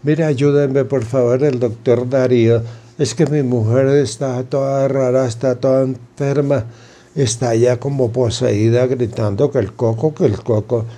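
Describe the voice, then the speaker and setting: A man's voice: mid-range voice, steady tone, unhurried, warm tone, natural voice. A man voicing an anxious young husband, speaking in a pleading way.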